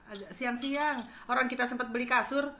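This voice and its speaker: A woman telling a gossipy story to her viewers, animated and dramatic, acting out the quotes. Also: a little high, a little fast. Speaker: channel host telling a story.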